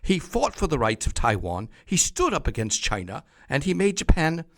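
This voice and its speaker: A man putting on a booming mock English gentleman. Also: huge pitch swings, moderate pace, dry recording. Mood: mock-grandiose. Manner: grandiose, declamatory. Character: pompous English gentleman praising a leader. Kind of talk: mock fake-accent speech.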